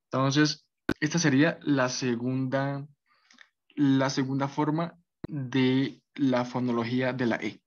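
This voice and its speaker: A man's voice: medium pitch, little pitch movement, takes it slowly. A man teaching a basic French class, explaining patiently and often checking that his students follow. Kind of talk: basic language lesson. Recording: dull lo-fi recording.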